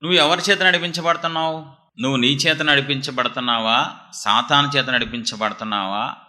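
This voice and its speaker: Forceful, sharp-voiced male preacher. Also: mid-range voice, steady tone, fairly quick. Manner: emphatic, scolding, many rhetorical questions. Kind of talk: sermon.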